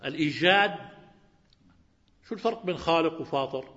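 Male religious teacher, fairly high voice, lo-fi recording with long hall reverb, quizzes his class. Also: a little fast, fairly bright tone. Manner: asks students questions and repeats key words. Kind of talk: Quran lesson to students. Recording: reverberant hall, dull lo-fi sound.

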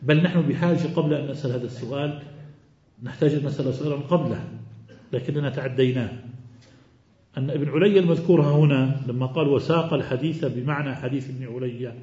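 Guy lecturing on hadith, warm voice, asks the class questions, echoey dull recording. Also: fairly high pitch. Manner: explains slowly, quizzes students with questions. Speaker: teacher of hadith.

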